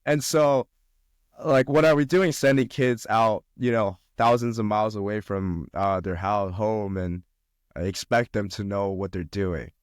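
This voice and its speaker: Speaking in a fairly low voice with fairly even intonation and an unhurried pace, a young Chinese man talks casually on a podcast about college life, using lots of fillers and restarts. The recording is dry, with clean studio sound.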